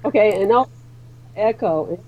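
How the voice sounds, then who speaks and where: A woman's voice: mid-range voice, expressive, unhurried. A woman calling into a show over an internet call, her voice muffled as if heard through a wall, chatty and fussing over how she sounds. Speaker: caller. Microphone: voice call with a sound shield around the mic.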